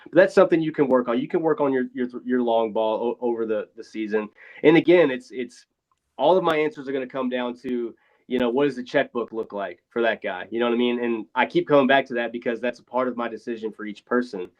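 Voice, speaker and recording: A man talking casually on a podcast, rambling and frank with the odd swear, his voice thin and boxy with no bass, like he is in a phone booth. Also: fast talker. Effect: thin boxy sound with no bass, like a phone booth. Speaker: podcast co-host. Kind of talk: casual sports chat. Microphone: failing wireless earbuds over a remote call. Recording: thin lo-fi earbud mic.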